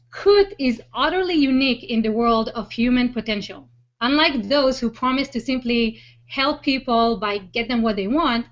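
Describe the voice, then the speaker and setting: Presenting with enthusiasm, a woman with a slightly high voice introduces and interviews guests on her web show. She's speaking through an online video hangout call, so the audio comes across dull and lo-fi.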